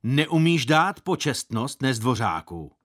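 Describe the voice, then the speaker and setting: Man voicing a grumpy older busybody, scolding tone, threatening, lively pitch. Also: lightly acted.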